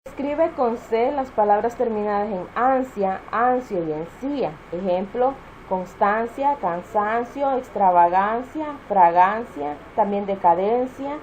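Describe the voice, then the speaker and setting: Slow-reading woman listing example words, bit high voice, faint noise. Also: lively intonation, darkish tone, low-quality recording.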